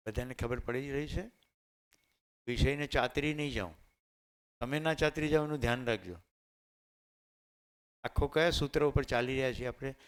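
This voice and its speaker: A man's voice: mid-range voice, clear, resonant tone. A man with a Gujarati accent giving a motivational lecture to teachers. He asks the room questions and then answers them himself, and he mixes in Hindi and English terms. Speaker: teacher trainer.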